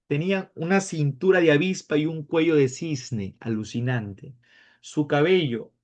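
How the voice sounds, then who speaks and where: A man teaching a class, lively and playful, acting out his students' questions. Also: a little high. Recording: dull lo-fi sound.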